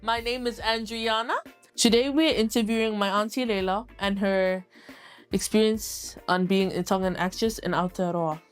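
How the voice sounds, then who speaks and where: A woman's voice: medium pitch, steady tone, moderate pace, clear, resonant tone, faint music behind. A young woman hosting an interview, asking polite, straightforward questions. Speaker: interview host.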